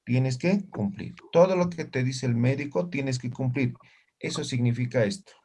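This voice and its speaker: A male language teacher on a video call, with a mellow, warm voice and a faint hiss behind him. He is patient and slows down to spell out words, then checks often that his students follow. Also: medium pitch. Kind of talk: live online class.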